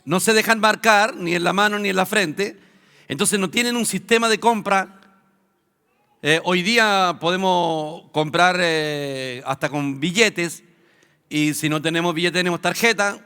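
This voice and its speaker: A man with a Chilean Spanish accent preaching a sermon to a congregation, teaching conversationally with filler pauses. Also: high-pitched, sharp tone, smooth. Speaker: pastor. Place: church hall. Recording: long hall reverb.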